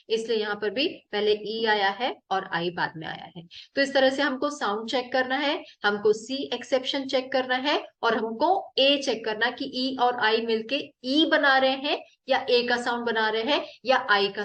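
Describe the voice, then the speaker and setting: A woman's voice: on the high side, a bit bright, echoey room. A woman teaching English spelling rules in Hindi, explaining each rule and spelling out example words letter by letter.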